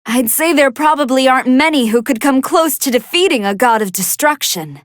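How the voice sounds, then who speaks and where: A woman playing a polite, excitable young android scientist who fights a hidden hunger, giving earnest, articulate commentary in an anime fighting game. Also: high voice, normal speed, no echo, studio quality. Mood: curious, analytical. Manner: articulate, earnest, formal scholarly phrasing.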